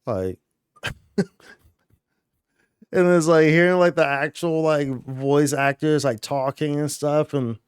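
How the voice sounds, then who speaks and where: A man's voice: on the high side, takes it slowly, long pauses, clean tone, no room sound, clean studio sound. Slangy, rambling male streamer. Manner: rambling, slangy, full of "dude" and "like". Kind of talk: casual chat over gameplay.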